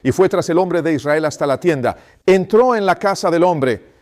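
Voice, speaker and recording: A man's voice: fairly high pitch, animated, moderate pace, a little mellow. A man preaching a sermon, pressing the congregation with rhetorical questions in an insistent, emphatic way.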